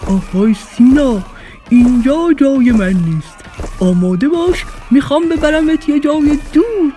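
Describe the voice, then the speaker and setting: A woman voicing a big, friendly, hungry male dinosaur in a children's storybook, calling out loudly. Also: fairly low pitch, lively intonation, faint music behind, pitched below the performer's own voice, natural voice. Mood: booming.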